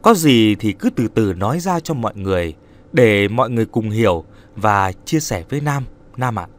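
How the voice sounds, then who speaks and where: Man reading a calm young woman. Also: on the low side, normal speed, lightly acted. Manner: calm, even.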